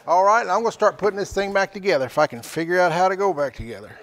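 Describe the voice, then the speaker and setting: A man's voice: high-pitched, racing, a bit bright. A man calling a live-streamed auction in a casual, folksy way, repeating prices and phrases. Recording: echoey hall with long reverb.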